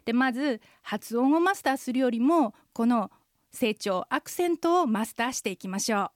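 A middle-aged woman co-hosting a radio language lesson, explaining in a clear, steady teacherly way. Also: a little high, moderate pace, no room sound, clean studio sound.

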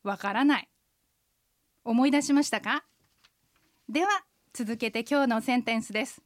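Woman, language teacher, high voice, patient, explanatory, dry sound. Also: moderate pace, dry recording. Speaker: co-host, interpreter guide teaching Chinese phrases. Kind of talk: radio language lesson.

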